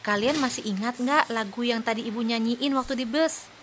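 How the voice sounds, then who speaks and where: A woman's voice: fairly high pitch, a little hiss or hum, lightly acted. A woman playing a cheerful young mother in a scripted children's audio play, patiently praising and encouraging her two little daughters. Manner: patient, praising, speaks slowly for small children.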